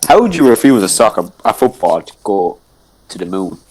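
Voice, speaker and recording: A young man co-hosting a casual podcast chat, relaxed and agreeable in the banter. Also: fairly low pitch, a little fast, a crowd in the background, rough recording. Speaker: podcast co-host. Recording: faint background noise.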